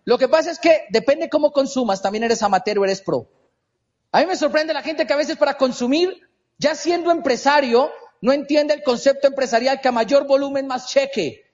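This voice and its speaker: A man's voice: very high-pitched, moderate pace, in a large hall, dull audio. A man giving a motivational business seminar talk, emphatic and repetitive, with rhetorical questions. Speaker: business speaker.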